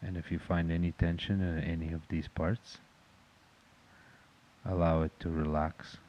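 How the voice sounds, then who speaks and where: Guiding a meditation, a very deep-voiced man speaks very slowly with calm, measured instructions. His intonation stays remarkably level with hardly any rise or fall, and the high frequencies are cut off in the recording.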